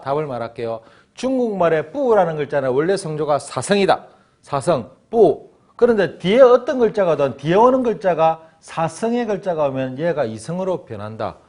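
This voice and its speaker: Lively guy teaching chinese, bounces up and down a lot, acts out little scenes. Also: fairly high pitch. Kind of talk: lively classroom lecture.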